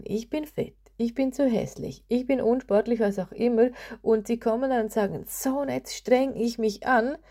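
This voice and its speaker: A woman, a coach hosting her own podcast, talking the listener through self-criticism in a calm, reflective monologue. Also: medium pitch. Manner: slow, reflective, addresses the listener directly.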